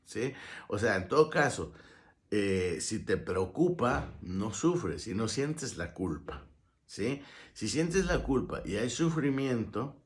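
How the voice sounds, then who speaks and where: A man lectures in a low, conversational voice. He preaches at the listener and slips into the voices of the people he quotes as he makes his points. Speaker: motivational speaker. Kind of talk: conversational monologue.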